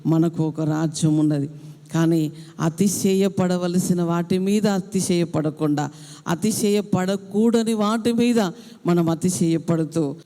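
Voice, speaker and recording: A woman's voice: fairly low pitch, slow, mellow. A woman preacher giving an impassioned sermon, repeating her phrases for emphasis. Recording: echoey hall.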